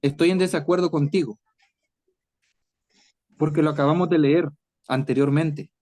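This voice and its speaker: A man's voice: on the high side, fairly even intonation, moderate pace, darkish tone. A man preaching an online Bible lesson in a conversational way, acting out dialogue with scripture. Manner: conversational, preaching to a chat audience; acts out dialogue with Jesus and scripture.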